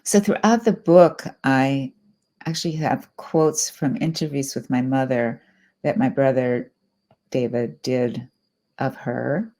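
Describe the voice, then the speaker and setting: A middle-aged woman poet giving a reflective, unhurried poetry reading. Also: very deep voice, dark tone.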